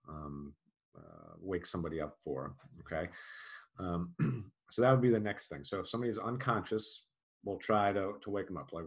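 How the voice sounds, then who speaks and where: A man teaching an EMT course in a casual lecture style, with frequent "um" and "uh" fillers. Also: fairly low pitch. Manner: casual, many fillers, plain explanatory. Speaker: EMT instructor. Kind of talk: recorded classroom lecture.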